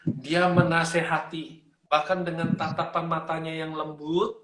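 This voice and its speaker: A man with a rather high voice recounts a story in a relaxed interview, animated and quick to act out the people in it. A crowd murmurs clearly in the background. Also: low-quality recording. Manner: animated, acts out the voices of his parents. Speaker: interview guest sharing life story.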